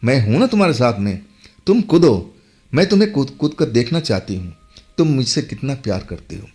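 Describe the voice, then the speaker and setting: A man's voice: medium pitch, sing-song, a little fast, darkish tone, close to an everyday voice. A man voicing a young woman spirit who poses as a girlfriend, speaking in a coaxing, insistent way within a told horror story.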